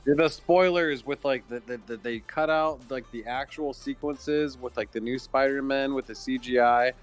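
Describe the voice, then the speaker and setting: A man's voice: mid-range voice, moderate pace, faint music behind. A man co-hosting a game stream, bantering in a laid-back, teasing way. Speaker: stream co-host. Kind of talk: casual chat.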